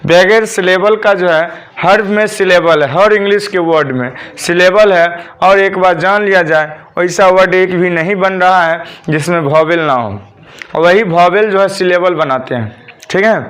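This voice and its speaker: Guy teaching a class, fairly high voice, keeps asking the room to repeat after him. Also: normal speed, a bit bright. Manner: drills students with repeated call-and-response questions. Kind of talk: classroom lesson.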